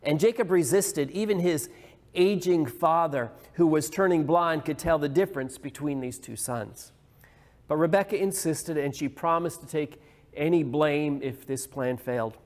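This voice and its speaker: A man's voice: fairly high pitch, moderate pace, darkish tone. A male pastor preaching a sermon, retelling a story earnestly with small restarts. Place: church hall. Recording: long hall reverb.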